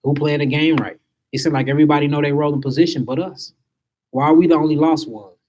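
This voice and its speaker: A man's voice: on the high side, steady tone, fast talker, darkish tone, slight background noise. A man giving an emphatic spiritual lecture to a small group, asking his listeners rhetorical questions.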